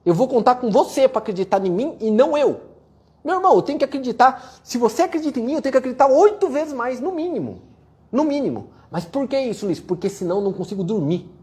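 A man giving a blunt, profane motivational rant while answering viewer questions, forceful and mocking toward complainers. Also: extremely high pitch, very animated, fast. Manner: forceful, profane, mocks complainers in whiny voices.

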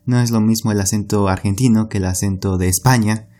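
Guy cohosting a spanish teaching podcast, lowish voice, steady and agreeable. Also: a little fast. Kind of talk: casual podcast conversation.

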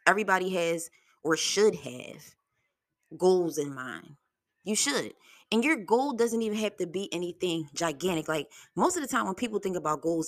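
A woman's voice: medium pitch, vocal fry, fairly bright tone, no room sound, clean studio sound. A woman in her thirties giving a blunt, profane motivational monologue from home. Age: 30s.

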